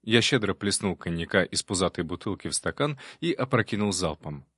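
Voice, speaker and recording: Male audiobook narrator, first-person, wry, lowish voice, dry recording. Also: animated, a little fast, fairly bright tone, slightly rough, dry recording.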